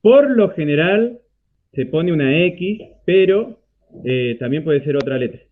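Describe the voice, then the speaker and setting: A man's voice: fairly high pitch, lively intonation, unhurried. Argentine man teaching math over a tinny call. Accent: Argentine Spanish. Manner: checks in often with rising "¿sí?". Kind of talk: online class explanation. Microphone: computer mic on a video call. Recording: tinny phone-like video call audio.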